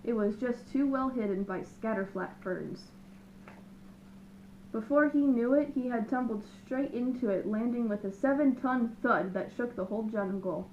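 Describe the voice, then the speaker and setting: A woman reading a children's picture book aloud with lively, expressive narration. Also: on the high side, muffled recording, slight background noise. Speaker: storyteller. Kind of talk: children's storybook read-aloud.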